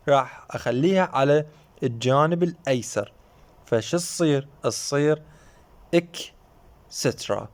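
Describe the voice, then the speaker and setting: A man with an Iraqi Arabic accent giving a recorded university phonetics lecture, often repeating himself, asking rhetorical questions and mixing in English terms. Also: a little high. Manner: repetitive, checks in with rhetorical questions; mixes English terms into explanation.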